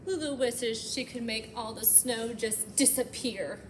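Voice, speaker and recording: On the high side and a little slow, this woman's voice brings a picture book to life for young children at storytime. She reads expressively with chatty asides, and there's background noise.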